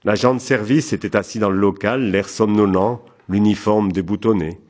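A man narrating an audiobook in a calm, even, measured way. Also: lowish voice.

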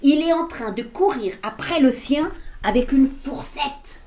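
A woman reads a picture book aloud to children, animated and playful, and often stops to talk to her listeners. Her voice is fairly high and she takes her time. The room is echoey, with a faint hiss underneath. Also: unhurried. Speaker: storyteller.

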